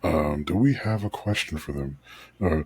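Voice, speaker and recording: Deep husky-voiced podcast host man. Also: moderate pace, darkish tone, dry recording. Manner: laughing easily, rambling with fillers. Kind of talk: casual podcast chat.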